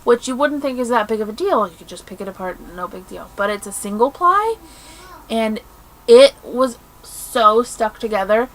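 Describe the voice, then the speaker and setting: A woman co-hosting a podcast in casual chat, telling stories in an animated, exasperated way. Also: fairly high pitch, moderate pace, slight background noise, rough recording. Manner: animated, exasperated storytelling with laughs. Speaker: podcast co-host.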